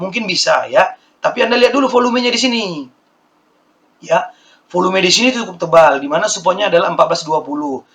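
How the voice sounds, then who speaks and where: A man with a hoarse, slightly raised voice gives a quick-paced stock market lesson over his charts. He circles back to the same figures again and again and keeps speaking to the viewers as friends. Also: sits high, fairly bright tone. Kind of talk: screen-share stock chart walkthrough.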